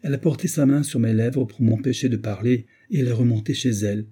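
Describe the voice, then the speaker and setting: A man voicing an older, fussy, motherly gentlewoman who talks in an effusive, doting way. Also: mid-range voice, steady tone, fast talker, breathy edge, lightly acted.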